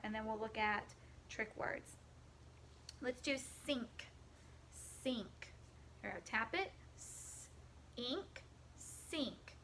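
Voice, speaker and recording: A woman's voice: fairly high pitch, noisy background. A woman teaching a phonics lesson to young children, patiently stretching out the sounds of words.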